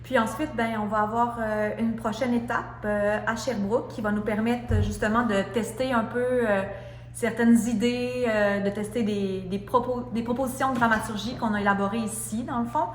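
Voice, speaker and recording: Woman artist, halting interview answers, echoey room. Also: fairly high pitch, fairly even intonation, slight background noise. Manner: hesitant, many fillers. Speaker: theatre artist in residence. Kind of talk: interview testimonial.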